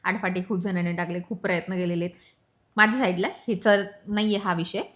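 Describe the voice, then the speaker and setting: A young woman from Maharashtra, a vlogger, telling her love story in animated casual chat and teasing her husband. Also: lowish voice, fast. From Maharashtra, India.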